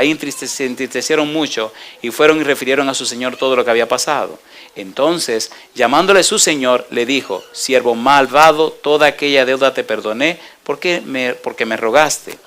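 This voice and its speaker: Fervent male pastor preaching. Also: mid-range voice. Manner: fervent preaching, rising and dropping to a hush. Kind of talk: sermon with altar call and prayer.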